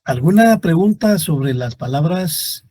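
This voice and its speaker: In a classroom grammar lecture, a male teacher with a fairly high, animated, mellow voice reads example words slowly and deliberately while addressing his students directly.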